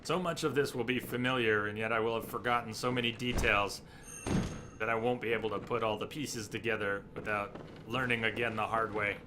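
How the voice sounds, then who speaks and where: A man giving casual live gameplay commentary as a streamer, haltingly thinking aloud. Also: on the low side, fairly even intonation. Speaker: video game streamer. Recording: noisy, game sound behind voice.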